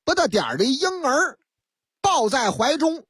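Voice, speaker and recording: A woman's voice: sits high, very animated, measured pace, a bit bright, dry recording. A woman radio host, telling a news story in a comic storytelling manner with set phrases and asides, on a studio microphone.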